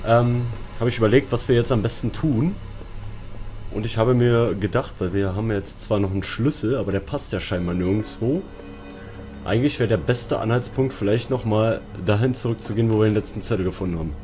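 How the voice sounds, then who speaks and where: A let's play streamer mutters casually to himself in slangy commentary while playing a horror game, his voice on the low side, mellow, and fairly quick. Eerie game music and horror sounds play behind him.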